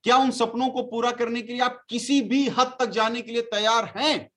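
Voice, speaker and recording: A man's voice: very high-pitched, fairly even intonation, moderate pace, fairly bright tone. A man who leads a network marketing team gives a motivational speech to a meeting. He exhorts and scolds his listeners with a stream of rhetorical questions.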